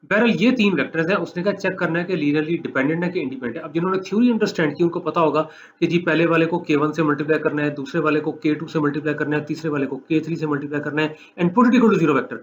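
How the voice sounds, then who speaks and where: A man's voice: a little high, a little hiss or hum. Male math lecturer, explaining step by step. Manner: explanatory, repeats steps, dictates slowly for note-taking.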